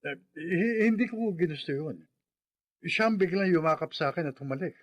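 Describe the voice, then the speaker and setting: A flustered husband stammers and defends himself in this radio drama. His pitch leaps up and down, and the sound is dry and close. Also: animated, moderate pace, dry recording.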